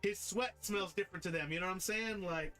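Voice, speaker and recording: A man's voice: high voice, brisk, over music. A man hosting a stream, chatting in a rambling, profane way and calling people bro. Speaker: stream host. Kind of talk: casual chat.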